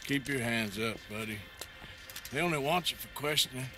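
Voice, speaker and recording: An actor playing a gruff, wry cowboy bounty hunter in a western video game. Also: male voice, medium pitch, normal speed, over music, close to an everyday voice. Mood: stern.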